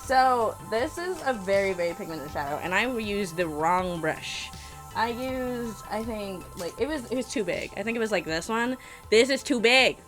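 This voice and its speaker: A woman's voice: mid-range voice, expressive, normal speed, a bit bright. A woman chatting casually as a makeup vlogger, blunt, sassy and self-mocking in her reactions and tips. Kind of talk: casual reaction and tutorial chat. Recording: music playing behind the voice.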